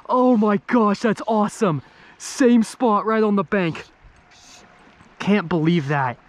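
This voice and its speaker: A young man hosting a casual fishing and camping vlog, talking excitedly to viewers from a riverbank and a truck camper, recorded on an action camera. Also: high voice, slow, dry recording. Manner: excitable, chatty, addresses viewers as guys. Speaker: fishing vlogger. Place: riverbank outdoors, then inside a truck camper.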